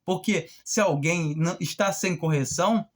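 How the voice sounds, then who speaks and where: A preacher giving an informal gospel sermon, repeating words for stress and reading Bible verses aloud slowly. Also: mid-range voice. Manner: slow, emphatic, repeats words and phrases for stress; reads scripture aloud more slowly and a bit louder.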